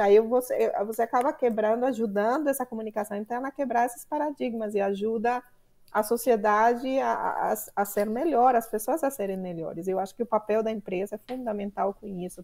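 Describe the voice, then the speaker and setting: A middle-aged Colombian woman with a Colombian Spanish accent appears as a guest on a podcast in a conversational interview. She speaks animatedly at a medium pitch, often pausing with fillers as she searches for words.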